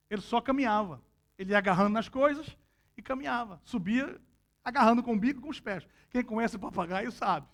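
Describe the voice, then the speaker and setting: A male pastor preaching a sermon, telling a personal story with sudden loud outbursts. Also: very high-pitched.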